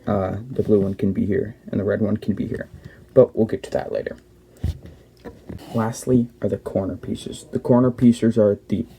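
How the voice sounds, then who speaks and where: A man's voice: fairly low pitch, mellow, a little hiss or hum. A young man hosting a casual step-by-step tutorial, explaining plainly and often correcting himself mid-sentence. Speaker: cube tutorial host.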